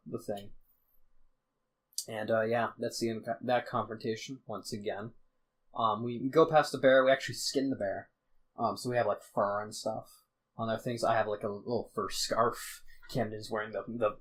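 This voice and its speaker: A man's voice: medium pitch, rough recording. A young man casually recapping a tabletop game session on a podcast, rambling and swearing, with frequent restarts. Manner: rambling, profane, restarts often; acts out characters' lines in snippets.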